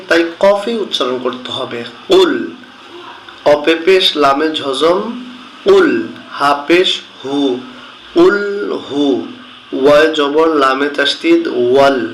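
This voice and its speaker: Male Quran reading teacher, unhurried spelling-out delivery, slightly high pitch, roomy echo. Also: fairly bright tone, slight background noise. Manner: slow, drawn-out spelling and chanted recitation. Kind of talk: spelling-out recitation lesson. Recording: echoey room.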